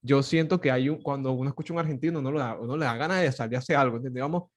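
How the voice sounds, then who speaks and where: A man from Venezuela with a Caracas Venezuelan Spanish accent, hosting a podcast in casual conversation, animated and laughing often, with many fillers and restarts. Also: mid-range voice, rapid-fire. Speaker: podcast host.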